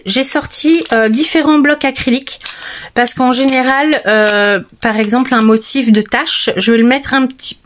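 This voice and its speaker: A woman with a slightly high voice walks viewers through her paper-crafting supplies in a casual tutorial. She talks in an easygoing, chatty way, full of small hesitations and asides to the audience. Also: slight background noise. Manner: chatty and relaxed, speaks straight to viewers, many hesitations.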